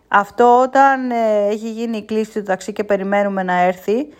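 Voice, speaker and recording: Hesitant woman explaining phone settings. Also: fairly high pitch. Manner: unhurried explaining with frequent hesitations. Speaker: instructor. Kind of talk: casual spoken tutorial.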